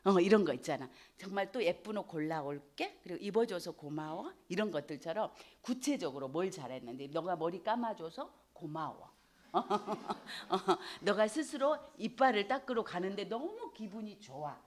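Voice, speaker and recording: An older woman lecturing a parents' class, chatty and brisk, acting out parent and child lines with big swings in her voice and dropping low for asides. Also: lively intonation.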